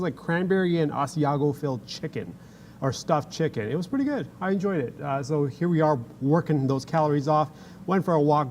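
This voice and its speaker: A man's voice: fairly high pitch, a little hiss or hum. A man presenting casual, conversational trading commentary as a futures trader on a show. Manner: informal, conversational.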